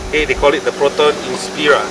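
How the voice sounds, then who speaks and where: A man's voice: fairly high pitch, little pitch movement, fast talker. A man with a Singaporean accent speaking casual Singlish, like a host of an amateur car review. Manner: speaks Singlish with lah, leh and sia particles. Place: outdoors at night. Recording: noisy outdoor sound, distant mic, insects and traffic.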